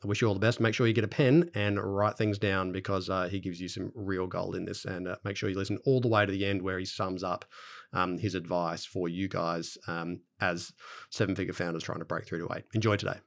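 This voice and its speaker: Australian male podcast host, middle-aged, lowish voice, chatty with restarts. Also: fairly even intonation, fairly quick, vocal fry. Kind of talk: conversational interview.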